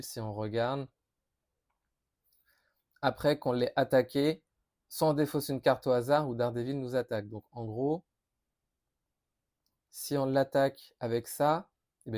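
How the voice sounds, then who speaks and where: A man talks through new game cards in a loose, chatty preview. He reads each card, stumbles, corrects himself and reacts as he works it out. His voice sits at a middling pitch, neither high nor low. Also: dark tone. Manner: thinking aloud, reading cards with many fillers and restarts. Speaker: board game youtuber. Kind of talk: casual card preview commentary.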